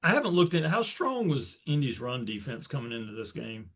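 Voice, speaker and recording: Husky-voiced man reminiscing on a podcast. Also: mid-range voice, big pitch swings, a little fast. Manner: reflective, recalls old games in detail. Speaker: podcast co-host. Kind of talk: casual sports chat. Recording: dull lo-fi podcast audio.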